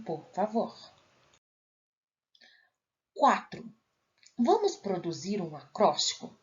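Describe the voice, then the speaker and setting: A woman's voice: medium pitch, a little mellow. A woman schoolteacher with a Brazilian accent, going over homework answers in a recorded lesson and checking in often with her pupils. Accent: Brazilian Portuguese. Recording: dull lo-fi audio.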